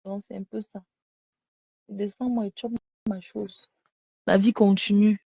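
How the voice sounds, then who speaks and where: A woman's voice: mid-range voice, flat delivery, measured pace, vocal fry, warm tone, breathy edge, dry recording. A woman, ranting and scolding in a repetitive live video monologue while she lies down, talking into a phone she has set down. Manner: scolding, repetitive, talks to the viewers. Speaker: live streamer. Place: lying down at home. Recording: dull lo-fi phone audio.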